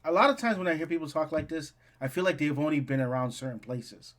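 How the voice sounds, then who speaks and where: A man hosting a casual podcast debate, speaking in a measured, hedging way and often repeating that he is just saying. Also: fairly high pitch, a bit bright. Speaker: podcast host.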